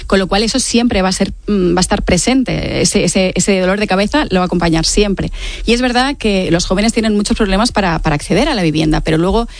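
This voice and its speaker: A late-forties author from Mallorca, Spain, talks fast in a mid-range voice, with no room sound. As an interview guest with a Spanish accent, she gives reflective, explanatory answers dotted with tag questions.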